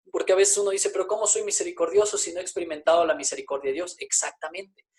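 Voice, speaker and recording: Woman, preacher, sermon, emphatic, repetitive phrasing, rhetorical questions, mid-pitched voice. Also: a little mellow.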